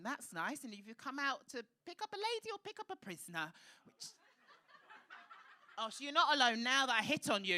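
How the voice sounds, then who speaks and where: Hosting a live stand-up night from a comedy club stage, a comedy host with a high-pitched voice teases the crowd with cheeky, camp, sweary banter. His tone is bright and forceful.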